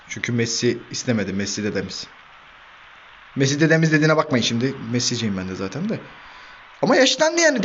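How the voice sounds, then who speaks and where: Guy doing football game commentary, gets loud and excited, kinda dull muffled audio w faint hiss. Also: medium pitch. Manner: excitable, shouts player names, swears at the players. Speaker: gaming channel host.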